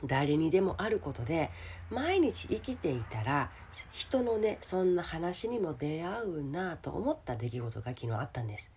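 A woman with a hoarse, gravelly voice gives a casual motivational solo talk as a radio host, speaking directly to the listener. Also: low-pitched, big pitch swings, normal speed. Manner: addresses the listener directly with questions and soft sentence-ending particles. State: hoarse today.

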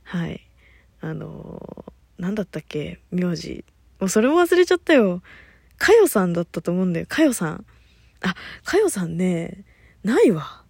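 Rambling, husky-voiced woman radio host. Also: no echo. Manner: rambling, loses her thread, laughs often; high-energy, lively talker. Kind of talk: casual solo chat.

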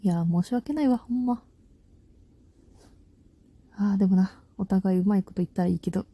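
A young woman with a Kansai accent chatting casually on her own, rambling and slangy, laughing often, with what she calls a big loud voice. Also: mid-range voice, moderate pace, husky, no echo. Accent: Kansai Japanese. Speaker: podcast host. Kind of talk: casual solo chat.

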